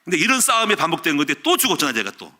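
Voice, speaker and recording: Animated, bright-voiced male pastor preaching. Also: fairly high pitch, very fast, a little hiss or hum. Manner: animated storytelling, acting out quoted shouts. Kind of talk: sermon.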